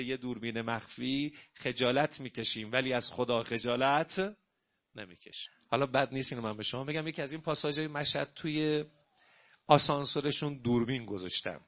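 A man preaching a sermon. He recites verses slowly, explains them in everyday speech, and tells stories that swing between hushed and loud. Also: medium pitch. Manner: storytelling with dramatic shifts between soft and loud.

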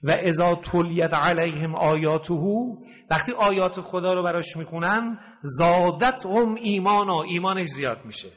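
Man preaching in a long-echoing hall. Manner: swings between loud emphatic peaks and low hushed storytelling; slows and stretches quoted verses. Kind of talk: sermon.

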